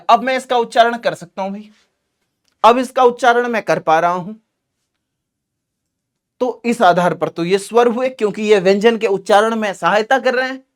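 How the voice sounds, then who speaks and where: High-voiced man teaching grammar emphatically. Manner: emphatic and repetitive, often addressing students as friends. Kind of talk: classroom lecture.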